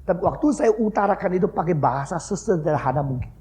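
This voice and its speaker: A man lecturing in a lively storytelling style, mixing in English phrases as he teaches. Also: high-pitched, fast talker. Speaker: pastor and lecturer. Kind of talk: university lecture. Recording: faint background noise, old lecture recording.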